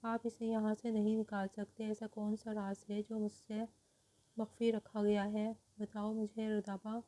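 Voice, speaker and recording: A woman's voice: mid-range voice, completely flat delivery, mellow, lightly acted. A woman voicing an indignant, protective young bride in an audio novel. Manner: indignant, demanding.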